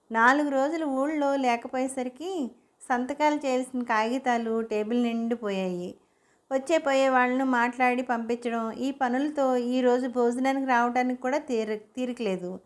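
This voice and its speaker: A woman reads as a young husband in a spoken storybook, gentle and troubled at heart. Her delivery is soft and pleading, in a fairly high voice. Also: moderate pace, close to an everyday voice. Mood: soothing.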